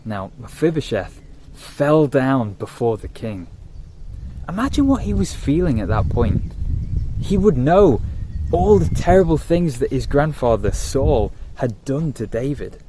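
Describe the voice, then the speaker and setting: A man retells a Bible story to camera in an animated, conversational manner. His voice is mellow and warm, set at a middle pitch. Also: a little slow, a little hiss or hum. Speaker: youth vlogger and interviewer.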